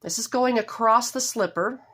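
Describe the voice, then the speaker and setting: Hoarse from a cold, though only slightly, a woman with a fairly bright voice on the high side hosts a casual knitting tutorial from home. She goes step by step in a homey, apologetic way, often pausing to set herself straight.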